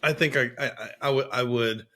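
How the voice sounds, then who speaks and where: A man's voice: mid-range voice, steady tone, fairly bright tone. A man in his thirties co-hosting a podcast in casual chat, teasing his partner and laughing often. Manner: teasing, laughs often, quick agreeing interjections. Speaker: podcast co-host.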